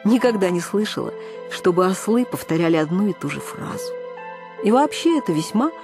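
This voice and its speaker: A woman narrating a first-person story for an audiobook in an ironic, expressive manner. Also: medium pitch, fairly quick, over music.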